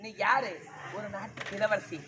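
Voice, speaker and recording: A man's voice: sits high, steady tone, unhurried, sharp tone, some chatter behind. A man on a village stage playing a righteous sister-in-law who scolds and accuses. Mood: scolding. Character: stern righteous sister-in-law, young woman. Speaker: stage actor in female role. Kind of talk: village stage drama acting.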